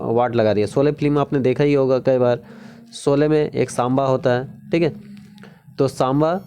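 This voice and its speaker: Guy doing an exam trick lesson, mellow warm voice, keeps checking in and repeating stuff. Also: mid-range voice. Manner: repetitive, keeps asking "ठीक है?"; drawn-out sing-song pronunciation drills. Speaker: exam-prep teacher. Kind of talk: casual Hindi GK lesson.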